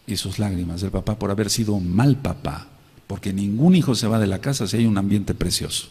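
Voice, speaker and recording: A man preaching a sermon from the pulpit, his low voice ringing out with long reverb through a hall. He swings from loud, fervent cries to quiet, hushed storytelling. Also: fairly quick, slightly rough. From Mexico. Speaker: pastor.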